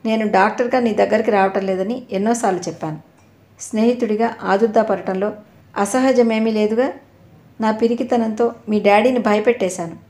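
Woman doing a calm young doc guy, soft reassuring tone, storybook reading, echoey room. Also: medium pitch, moderate pace, close to an everyday voice. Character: young male doctor, anxious caring friend. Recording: roomy echo.

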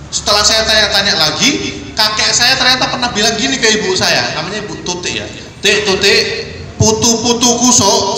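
A man's voice: very high voice, pushed and bright, a little hiss or hum. A young man giving an earnest, repetitive motivational seminar talk to students in a large hall. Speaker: seminar speaker. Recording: echoey hall from far off.

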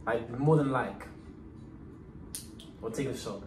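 A man's voice: mid-range voice, slow, a little mellow, far from the mic. A young man hosting a vlog, playfully teasing and pushing dares in a drinking game. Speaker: vlogger host. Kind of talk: casual chat during a drinking-game dare. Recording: echoey room, off-mic, noisy.

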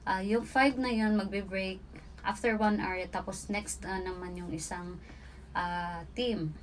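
A young woman from the Philippines chats to the camera in a casual storytelling vlog, recorded indoors in a small room. She talks in an average-pitched voice and keeps turning to her viewers as she goes. A faint hum of room noise sits under her voice. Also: unhurried. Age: young adult. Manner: chatty, animated hand gestures, often addresses viewers directly. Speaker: vlogger. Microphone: camera in front at desk distance.

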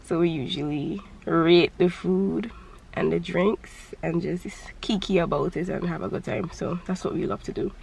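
A young woman vlogging casually from her car, with a low, nasal morning voice and a chatty, candid manner. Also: moderate pace, creaky, darkish tone, a little hiss or hum. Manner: chatty, candid, laughs easily. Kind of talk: casual vlog chat.

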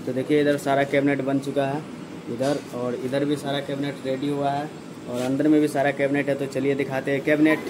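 Flat-voiced young man touring a warehouse. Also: medium pitch, fairly quick, noisy background. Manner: steady salesman-like patter, repeats "dekhiye" and "dosto". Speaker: vlogger showing a speaker cabinet factory. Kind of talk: casual vlog walkthrough. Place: large warehouse, partly outdoors. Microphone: phone held at arm's length.

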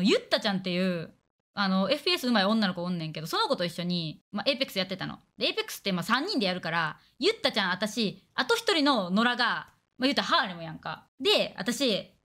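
On a casual stream, a young Kansai-accented woman talks bluntly and crudely, firing off rapid banter with acted-out quotes. Her voice sits at a medium pitch and comes across bright and forceful.

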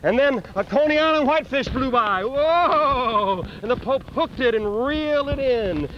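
A man performing an animated comic monologue outdoors in a city park, acting out voices and sound effects, on a dull lo-fi video recording. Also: extremely high pitch, measured pace. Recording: dull lo-fi outdoor video with faint street noise.

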